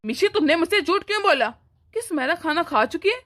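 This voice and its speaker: A protective older brother in an animated story, as a woman voices him, firm and scolding but fond at heart. The voice sits high and bright for a man, delivered with steady authority. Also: a little fast. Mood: stern. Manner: firm, scolding yet affectionate. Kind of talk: animated cartoon voice acting.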